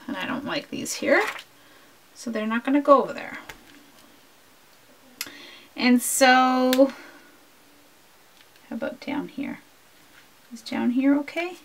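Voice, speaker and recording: A woman's voice: mid-range voice, a bit bright, slight background noise. A woman vlogger talking earnestly and from the heart while she works on a scrapbook, drifting from topic to topic. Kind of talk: casual talk over a crafting video.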